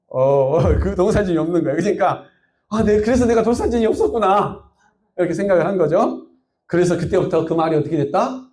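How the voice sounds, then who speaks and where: A man's voice: a little high, a little mellow. A male pastor preaching a Sunday sermon, telling a story and asking the congregation questions. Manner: asks the congregation questions and acts out quotes. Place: church sanctuary. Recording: echoey church sound.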